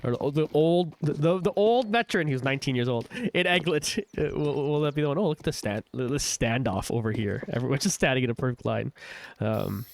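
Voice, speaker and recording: With a little vocal fry and a mid-range voice, a young shoutcaster with a cold runs slightly fast through casual livestream play-by-play. He sounds stuffy, chatty, and meandering, often using fillers and starting over.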